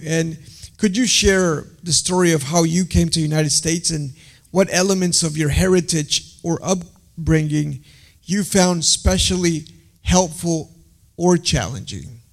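A young man hosting a panel interview, reading guest introductions with frequent filler pauses. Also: on the high side, gravelly. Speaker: host.

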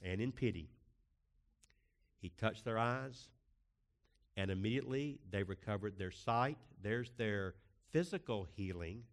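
A man preaching a sermon as a pastor, emphatic, with rhetorical questions and swings in pace. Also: fairly low pitch.

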